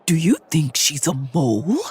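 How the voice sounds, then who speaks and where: A husky, breathy-edged aunt figure with a voice that swoops widely between high and low. She is sly and brisk, handing out instructions in a dry, matter-of-fact way in an audio drama. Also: sing-song, a little mellow, exaggerated voice. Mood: deadpan. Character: sly, brisk middle-aged aunt who sneaks up. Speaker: mentor aunt.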